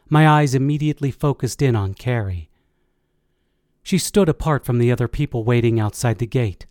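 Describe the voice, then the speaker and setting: A man reading a first-person audiobook in a measured, steady way. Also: mid-range voice, no room sound, clean studio sound. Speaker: audiobook narrator.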